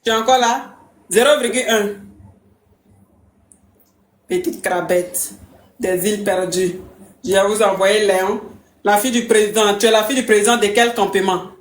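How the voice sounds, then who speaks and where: Woman doing a bossy mocking stream coach, mid-pitched voice, roomy echo. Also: moderate pace, pauses often, close to an everyday voice. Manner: mocking, imperious, threatens to block callers. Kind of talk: comic live-stream parody.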